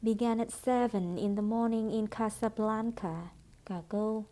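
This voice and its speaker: A woman teaching English pronunciation, reading phrases aloud at a slow, unhurried pace. Her voice is soft and mellow. She models each phrase deliberately for students to repeat. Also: fairly high pitch, steady tone. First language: Vietnamese. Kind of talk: pronunciation drill lesson.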